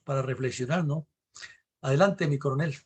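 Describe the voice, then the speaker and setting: A man's voice: fairly high pitch, moderate pace, slightly rough. A middle-aged Colombian man hosting a show, giving indignant commentary full of rhetorical questions. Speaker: host and commentator.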